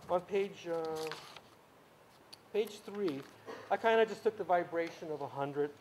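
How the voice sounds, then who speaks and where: A music teacher from a Ukrainian-speaking background leads a casual workshop class on sound in a camp workshop room. His fairly high, slightly mellow voice comes through a low-quality recording with a little hiss or hum. His informal lecture is explanatory and rambling, full of restarts, fillers and "you know"s.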